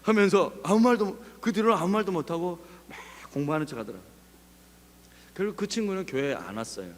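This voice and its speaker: A male pastor preaching a sermon, telling a story with animated delivery and acting out scenes. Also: high-pitched, quick pace, slight background noise. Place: church sanctuary. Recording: long reverb of a church hall.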